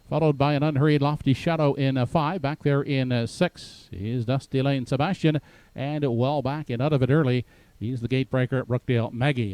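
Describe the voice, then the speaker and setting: Guy doing live race caller commentary, kinda high smooth voice, dry sound, builds up to the finish. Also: a little mellow, no echo.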